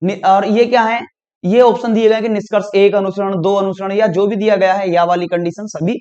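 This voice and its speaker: A man's voice: high-pitched, fairly even intonation, moderate pace, darkish tone, dull audio. A male teacher working through exam reasoning questions, guiding students step by step and checking in with them as he goes. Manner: talks students through each step, often says "dekhiyega" and "theek hai ji". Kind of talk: exam prep lesson.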